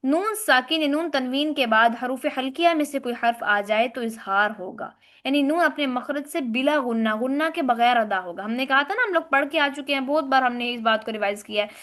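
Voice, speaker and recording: A woman teaching a tajweed class, explaining rules step by step and reciting Arabic words slowly and drawn out. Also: high voice, a bit bright. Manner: explains rules step by step, asks and answers own questions. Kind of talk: tajweed lesson.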